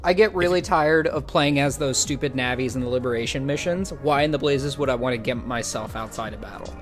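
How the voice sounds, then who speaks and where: A man's voice: medium pitch, brisk, soft background music. A man co-hosting a casual gaming podcast, complaining about games in a dry, wry way. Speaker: podcast co-host.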